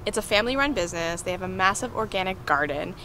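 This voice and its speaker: A woman's voice: fairly low pitch, lively intonation, fast talker, bright, forceful tone, a little hiss or hum. A woman vlogging with casual, enthusiastic chat at an outdoor restaurant garden, recorded on a handheld camera. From Canada. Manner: chatty and enthusiastic, talks with mouth full. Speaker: travel vlogger.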